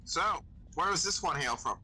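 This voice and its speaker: A fairly high, bright, pushed male voice with lively intonation and normal pacing. During a Star Wars game roleplay, he casually improvises as a gabby, sweary crewman well versed in weapons. The rough gaming voice chat recording has background noise.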